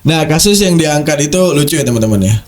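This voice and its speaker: A man's voice: on the high side, expressive, fast. A man giving emphatic religious commentary on a video, repeating words for stress and mocking his opponents.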